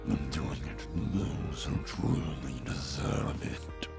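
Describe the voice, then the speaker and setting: A man's voice: steady tone, takes it slowly, over music, heavily acted. A streamer putting on the voice of a menacing male demon, growling it out with his own throat and no voice changer. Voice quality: deep gravelly growl, made without a voice changer. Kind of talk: live stream chat.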